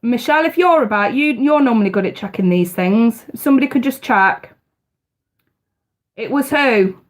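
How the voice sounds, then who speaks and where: During her casual live tarot broadcast, this chatty woman addresses viewers directly, her speech thick with congestion. Her pitch is a little high, with lively intonation at a normal speed.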